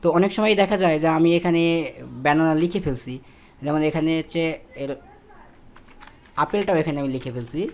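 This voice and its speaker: A man's voice: a little high, fairly quick, pauses often, darkish tone. Man explaining a spreadsheet lesson step by step. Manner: step-by-step explaining, with fillers and self-corrections. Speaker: instructor. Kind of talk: screen-recorded spreadsheet tutorial.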